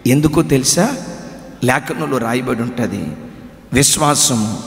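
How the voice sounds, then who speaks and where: A man preaching a sermon as pastor, with passionate shouts that drop to hushed tones. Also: medium pitch, expressive, a little slow, gravelly. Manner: impassioned preaching with sudden shouts and hushed drops. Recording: echoey hall reverb.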